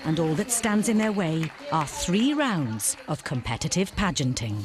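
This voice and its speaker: A woman's voice: low-pitched, big pitch swings, moderate pace. A woman reading scripted documentary narration in a wry, playful way. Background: background music.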